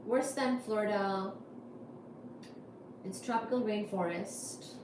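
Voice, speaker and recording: A woman's voice: mid-range voice, slow pace. A woman from India hosting a casual livestream, answering chat comments with wry asides. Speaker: livestream host. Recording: echoey room with faint noise.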